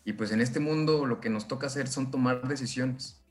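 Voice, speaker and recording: A man's voice: medium pitch, moderate pace, faint music behind. A man who works in science, talking casually on a podcast, eager and rambling with many restarts. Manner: enthusiastic, agreeing, rambling. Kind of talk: casual conversation.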